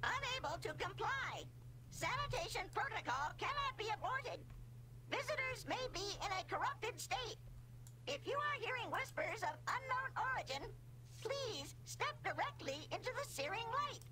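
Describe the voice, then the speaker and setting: A woman voicing a calm, machine-like female custodian in a video game, speaking like a measured ship computer reading out procedures. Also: very high-pitched, rough recording.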